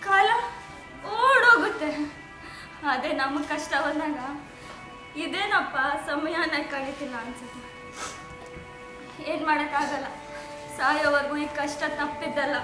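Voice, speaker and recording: A woman's voice: very high voice, lively intonation, a little slow, pauses often. A woman on stage playing a poor, suffering mother who pleads with her drunken husband and soothes her daughter. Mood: soothing sad. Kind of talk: stage drama acting. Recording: echoey hall, music behind.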